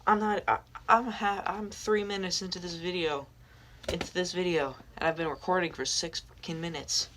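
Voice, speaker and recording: A woman's voice: on the low side, fairly even intonation, normal speed, a bit bright, slight background noise. A woman YouTuber giving crude, sarcastic reaction commentary, mocking the story she plays.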